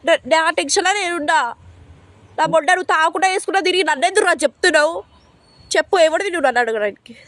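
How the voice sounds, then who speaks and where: Fast, high-voiced angry woman with a Telangana accent. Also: a bit bright, slight background noise. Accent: Telangana Telugu. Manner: angry, scolding, threatening. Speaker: vlogger. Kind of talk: heated argument with partner. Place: outdoors in public.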